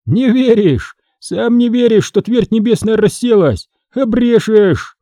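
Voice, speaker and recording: A man reads the part of a brash blacksmith master, boisterous and scoffing, pitched well above a plain speaking voice. His lively, swinging delivery sounds warm and close. It comes across as a dry audiobook read. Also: moderate pace, no echo, full character voice. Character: bold, mocking chained blacksmith master, adult man.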